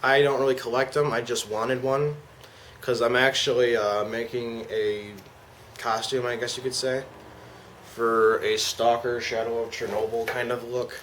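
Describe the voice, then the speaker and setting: A man's voice: medium pitch, little pitch movement, a little slow, fairly bright tone. A man giving a casual, slangy product demonstration as an amateur reviewer. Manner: informal, slangy. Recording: clear background noise.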